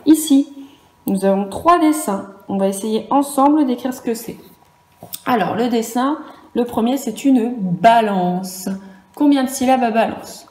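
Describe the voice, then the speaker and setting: A woman's voice: on the high side, unhurried, darkish tone, roomy sound. A woman with a French accent teaching young children in a virtual class, patiently spelling out sounds and syllables. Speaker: primary school teacher.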